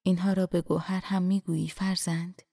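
A woman voicing a kind older male scholar who speaks softly and with measured affection in an audiobook reading. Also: high voice, little pitch movement, gravelly, no echo, clean studio sound. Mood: tender.

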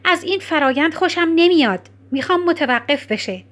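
A woman's voice: high-pitched, expressive, a bit bright, pitched above the performer's own voice. A woman voicing an insistent, despairing young woman in an audiobook, speaking emphatically with a raised voice. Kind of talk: audiobook character reading.

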